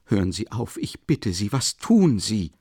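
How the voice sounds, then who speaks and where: A man reading an audiobook and voicing a timid, anxious older mother who pleads softly. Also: fairly low pitch, sing-song, a little slow, slightly rough, no room sound, studio quality, full character voice.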